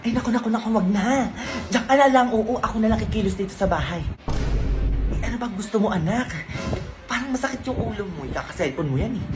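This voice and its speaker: A woman acting out a comedic family sketch, switching between a nagging mother and her child, over background music in an echoey room. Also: a little high. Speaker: comedy skit creator. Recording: roomy echo with background music.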